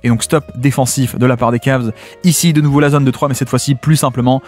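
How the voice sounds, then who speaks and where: A man's voice: mid-range voice, fairly even intonation, fast talker, faint music behind. A man explaining basketball tactics over game footage, talking in the first person as the players and dropping in "hein" and "hop". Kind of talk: video breakdown commentary over game footage.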